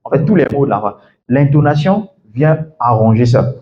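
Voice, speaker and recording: A man coaching a class on English pronunciation in French, animated and acting out example phrases. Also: medium pitch, moderate pace. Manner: animated, acts out example phrases, laughs often. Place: classroom or lecture hall. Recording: echoey room, dull lo-fi sound, faint noise.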